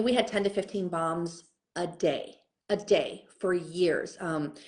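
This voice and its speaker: A woman in her forties, born in the United States and raised in Colombia, tells her life story as a guest on a live video chat. Her voice sits a little low for a woman, and she talks in an animated way, addressing the listeners directly. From born in the United States, grew up in Colombia. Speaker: guest, network marketing leader. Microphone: video call.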